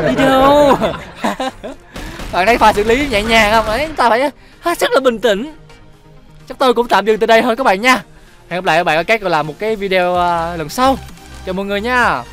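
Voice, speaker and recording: A man's voice: high voice, fairly bright tone. A man giving joking, teasing gameplay commentary while he plays, swearing casually and laughing often. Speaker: gaming channel host.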